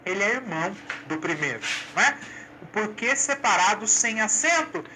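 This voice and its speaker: A woman's voice: mid-range voice, big pitch swings, normal speed, bright, forceful tone, slight background noise, rough recording. A woman explaining grammar rules to a class, patiently checking in with "ok?" and asking her students questions. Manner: patient, asks questions back, says "ok?" and "olha lá". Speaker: Portuguese grammar teacher.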